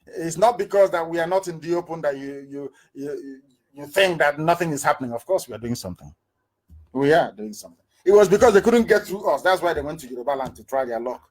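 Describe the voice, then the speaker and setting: A man's voice: a little high, lively intonation, fast. A middle-aged man giving an impassioned political address, firing off rhetorical questions and repeating words for emphasis. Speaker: political broadcaster.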